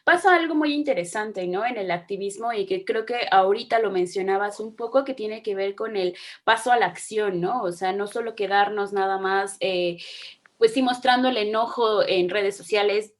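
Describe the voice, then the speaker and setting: A woman's voice: mid-range voice, moderate pace. A young woman from Mexico hosting an interview, friendly and conversational, often checking in with a tag question. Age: young adult.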